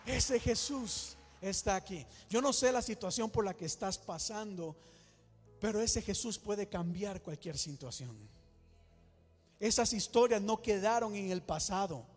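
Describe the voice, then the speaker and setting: A man's voice: high voice, expressive, a little slow, breathy edge. A male pastor preaching a sermon in a church, emphatic, with dramatic build-ups and repeated exclamations. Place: church hall. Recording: church hall reverb with soft music.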